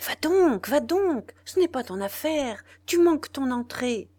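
A woman's voice: sits high, expressive, measured pace, warm tone, no echo, voice pushed up. A woman reading the part of an exasperated, bossy male theatre manager who scolds with urgency. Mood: urgent hiss.

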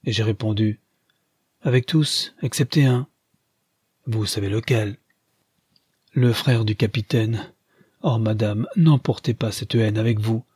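A dying woman who was once a tragic actress, commanding and theatrical, as a male narrator voices her. Her voice sits low and husky, his own reading voice with a dry, close sound. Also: measured pace, pauses often, a little mellow, no echo. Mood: bitter.

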